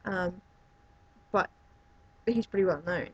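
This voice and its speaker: Woman reviewer, chatty and meandering, slightly raspy tone, muffled low-fi recording. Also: takes it slowly. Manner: rambling, many fillers and restarts. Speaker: movie reviewer. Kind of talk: casual spoken review.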